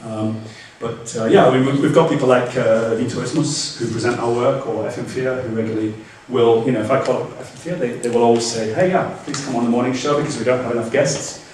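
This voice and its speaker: During a Q&A after his lecture, a guest speaker with a mid-range, steady, darkish voice answers audience questions quickly, with few pauses, though hesitantly and with many restarts and fillers. The recording is echoey and distant in a lecture room, with slight background noise.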